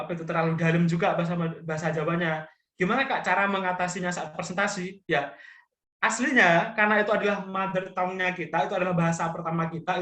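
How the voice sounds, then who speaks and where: A man's voice: high voice, fairly bright tone. A man from Madura with a Javanese-tinged Indonesian accent, chatting casually and jokingly as a public speaking trainer on a video call. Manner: chatty, joking, keeps tagging phrases with fillers. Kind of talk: casual online training talk. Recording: echoey room.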